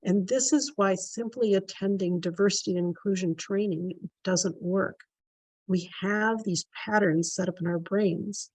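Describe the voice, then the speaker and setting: Slow, measured woman moderator. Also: mid-range voice, a little mellow, dry recording, rough recording. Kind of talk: prepared presentation.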